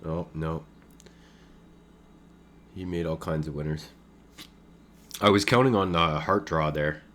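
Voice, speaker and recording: Deep-voiced man thinking aloud over poker. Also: slow. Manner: relaxed, thinking aloud with many fillers, laughs at his own jokes. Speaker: poker streamer commenting his own play. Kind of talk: casual live game commentary.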